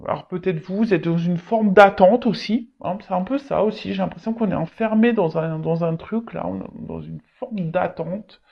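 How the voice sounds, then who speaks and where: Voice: medium pitch, vocal fry, muffled recording. A tarot reader giving an unscripted reading straight to viewers, often stalling, repeating words and leaning on fillers.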